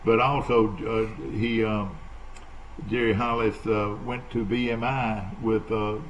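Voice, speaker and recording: A man in his seventies hosting a casual interview on a live show, rambling and halting with plenty of fillers and restarts. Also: fairly low pitch, flat delivery, highs cut off, a little hiss or hum. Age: 70s. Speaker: talk show host.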